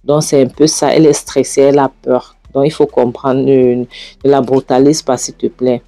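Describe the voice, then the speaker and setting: A woman's voice: very deep voice, level tone, normal speed, warm tone, dry recording. A woman voicing a man, the mother's boyfriend, who soothes and coaxes the others and keeps asking "okay?". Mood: coaxing. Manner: soothing, coaxing, repetitive "d'accord?".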